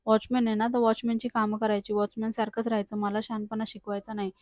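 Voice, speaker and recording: A woman's voice: on the high side, flat delivery, quick pace, darkish tone, no echo, clean studio sound, close to an everyday voice. A woman reading the lines of a scheming, defiant young woman who taunts and accuses others.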